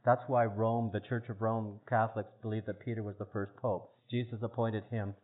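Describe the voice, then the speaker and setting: A man's voice: lowish voice, flat delivery, moderate pace. A man explaining a religious argument in earnest, casual talk, stressing key words and often repeating himself. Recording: tinny phone-like line.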